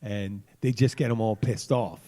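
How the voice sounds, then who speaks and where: A man's voice: lowish voice, fairly even intonation, normal speed, mellow. A man hosting a podcast in casual chat, rambling through jokey, crude stories and tangents. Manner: rambling, joking, crude storytelling. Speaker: podcast host.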